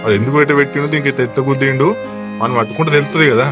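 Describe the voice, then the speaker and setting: A man's voice: medium pitch, over music, close to an everyday voice. A man with a Telangana accent playing a firm village helper who reassures and takes charge in a village comedy-drama. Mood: urging. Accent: Telangana Telugu. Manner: brisk, reassuring, commanding. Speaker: helpful villager.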